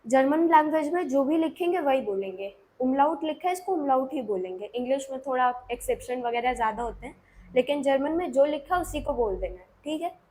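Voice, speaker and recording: A woman's voice: sits high, expressive, a little fast, a little mellow, a little hiss or hum. A woman with an Indian accent teaching a beginner language lesson, explaining patiently step by step and checking in often.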